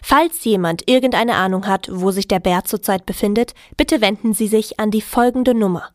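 A formal female TV news anchor reading a bulletin in a raised, measured tone, as a male narrator puts her on. The voice sits high for him and the sound is dry. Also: no room sound, lightly acted. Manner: measured newsreader delivery.

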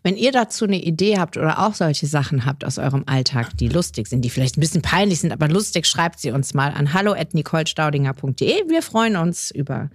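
A woman in her forties with a somewhat low voice hosts a podcast chat. She patiently quizzes her guest and explains things step by step. Her voice is recorded dry, with no room sound. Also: lively intonation, brisk, few pauses, slightly rough, no room sound. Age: 40s. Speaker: podcast host. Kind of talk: casual chat.

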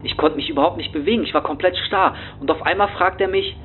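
A man's voice: high voice, quick pace, soft background music, close to an everyday voice. A man playing a rattled young homeless man who rambles anxiously in street slang, as a first-person horror story monologue. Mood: shaken. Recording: tinny phone-like sound.

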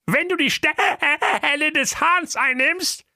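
A pushy, bureaucratic donkey who insists he is in charge, put on by a man. The voice sits high and bright, with a close, dry sound. It belongs in a comic audio fairy tale. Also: takes it slowly, dry recording, full character voice. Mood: bossy. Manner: bossy, impatient, bureaucratic. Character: bossy male donkey, laid-off railway crossing keeper.

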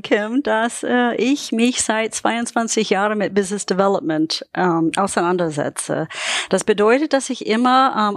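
A woman's voice: on the high side, dry recording, studio quality. A middle-aged or older woman with an American accent in German, speaking reflectively as a podcast guest and searching for her words. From United States. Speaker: podcast guest, business development trainer. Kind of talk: conversational interview.

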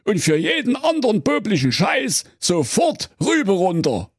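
A man's voice: high-pitched, huge pitch swings, measured pace, breathy edge, dry recording, clean studio sound, exaggerated voice. A man voicing a naive, muddled fairy-tale brother who rambles and bumbles through his complaints. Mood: bumbling.

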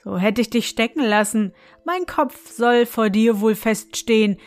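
A woman voicing a fearless young male student who talks calmly and quickly. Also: on the high side, natural voice. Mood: cool. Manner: calm, quick and cheeky.

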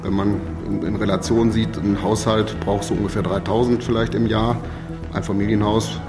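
A man's voice: fairly low pitch, level tone, normal speed, in a large hall, music in the background. A man working in energy purchasing, giving patient interview answers and explaining with everyday comparisons.

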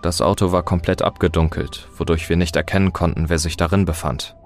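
A man with a very low voice narrates a scripted horror story in a steady, dramatic reading. Quiet music runs softly behind his voice. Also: brisk.

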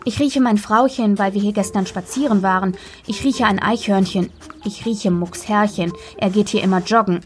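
A woman reading a children's story aloud in a gentle, playful way, narrating as a dog in the first person. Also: medium pitch, moderate pace, soft background music.

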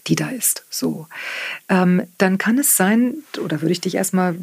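A woman with a German accent, an author and therapist, explaining her ideas in a podcast interview, often tagging sentences with "ne?" and pausing on "ähm". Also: lowish voice, gravelly, a little mellow, slightly rough, no echo. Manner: reflective, tags sentences with "ne?"; frequent hesitation fillers. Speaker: author and guest; therapist working with clients.

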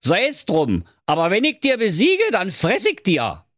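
A man's voice: huge pitch swings, unhurried, a bit bright, dry recording, clean studio sound, heavily acted. A man doing a brash, boastful Berlin hare. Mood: cocky. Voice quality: high, brash. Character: boastful male hare, cocky and hasty. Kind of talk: comic radio fairy tale.

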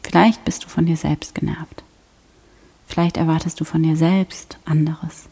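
Low husky half-whispering woman. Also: flat delivery. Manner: soft, slow, half-whispered. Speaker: prayer guide. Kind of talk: guided prayer meditation.

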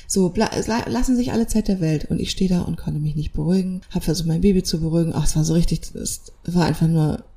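Mellow-voiced woman telling a lively story. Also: lowish voice, quick pace, hardly any pauses. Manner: animated storytelling, acting out quoted dialogue. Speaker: podcast co-host. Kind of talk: casual chat.

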